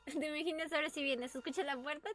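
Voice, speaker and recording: With a steady tone and a quick pace, this woman speaks in a high-pitched voice over a noisy background. She narrates a horror game casually, chatting freely, jumping at scares, and dissolving into screams and anxious laughter.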